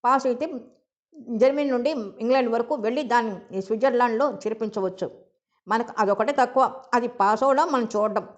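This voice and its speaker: A woman's voice: a little high, a little fast, highs cut off, lightly acted. Woman voicing a wealthy indulgent father. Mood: explaining. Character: wealthy middle-aged father, indulgent and talkative.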